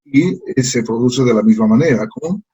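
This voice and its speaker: Male language teacher, husky mid-pitched voice, patient and methodical. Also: expressive, warm tone, muffled recording. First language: Spanish. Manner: slow, patient, repeats sounds for learners to copy. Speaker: English teacher. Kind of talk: slide lesson.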